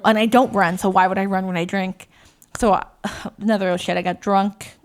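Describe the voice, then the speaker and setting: A woman co-hosting a podcast, telling a story in casual, animated chat, swearing often and acting out voices when she quotes. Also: medium pitch, fairly quick. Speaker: podcast co-host.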